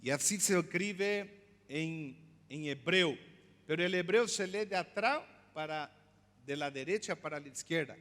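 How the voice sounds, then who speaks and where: High-voiced pastor preaching slowly in a hall. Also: male voice, fairly bright tone. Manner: explains slowly, repeats words, asks the congregation questions. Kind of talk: sermon. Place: church.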